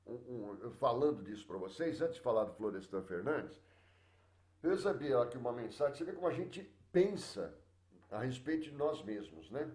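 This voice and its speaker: Man, Brazilian Portuguese accent, middle-aged, casual classroom teacher, animated pitch, echoey room. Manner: chatty, addresses students directly, many fillers and restarts. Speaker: sociology teacher. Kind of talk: live online class.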